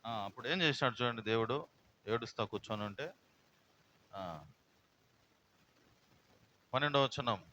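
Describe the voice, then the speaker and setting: Forceful pastor preaching. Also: male voice, mid-range voice, expressive, a little slow, long pauses, a little hiss or hum, rough recording. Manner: emotive preaching, swinging between loud and soft, many rhetorical questions. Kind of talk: sermon.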